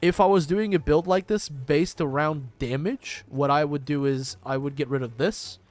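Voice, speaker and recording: A man with a fairly high voice hosts a casual gaming stream over faint background music. He talks informally, swears freely and banters with his viewers as he plays. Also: moderate pace. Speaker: livestream host, gamer. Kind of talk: casual livestream chat while gaming.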